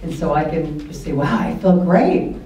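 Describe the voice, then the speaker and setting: A woman's voice: low voice, lively intonation, moderate pace, warm tone, a little hiss or hum. A woman on a panel talking earnestly and reflectively about meeting people. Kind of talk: panel discussion talk. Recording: dull, very echoey hall from far off.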